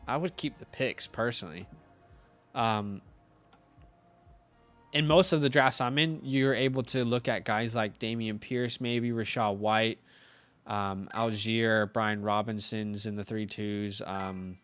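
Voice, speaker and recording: A man's voice: on the low side, fairly even intonation, slow, fairly bright tone, soft background music. A man in his twenties chatting casually on a livestream as co-host, thinking aloud and counting out his math. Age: 20s.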